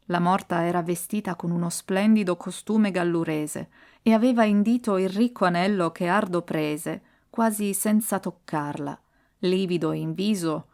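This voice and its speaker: Una narratrice di audiolibri con un timbro basso e una lettura teatrale e partecipe. Racconta una storia classica con tono recitato. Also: female voice. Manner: expressive, dramatic reading. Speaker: audiobook reader. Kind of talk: scripted narration.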